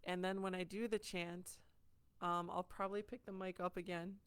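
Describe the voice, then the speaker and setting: A woman from Hawaii, a community healer, giving an informal talk with gentle, unhurried speech and frequent ums, holding a microphone indoors. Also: fairly low pitch, flat delivery, smooth. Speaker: community healer teaching culture. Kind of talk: warm informal teaching talk. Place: indoors at a wellness center. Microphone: handheld microphone.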